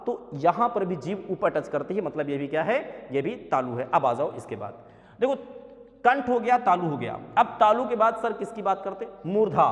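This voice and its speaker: A man's voice: high-pitched, fairly bright tone, in a large hall. A man teaching an exam-prep grammar lesson, saying sounds aloud as examples and calling his viewers sir.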